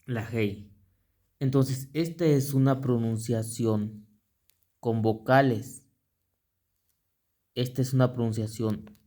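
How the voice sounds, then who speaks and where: A man teaching a lesson, slowly spelling out letters and repeating them, with halting restarts as he writes. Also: mid-range voice, fairly even intonation, mellow. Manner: slow, repetitive, spelling out letters aloud; halting, with restarts while drawing. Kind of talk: explanatory lesson on pronunciation.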